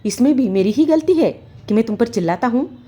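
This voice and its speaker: A woman voicing an angry, domineering husband who shouts harsh scolding words. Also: a little high, lively intonation, fairly quick, slightly rough, voice pushed up. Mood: furious.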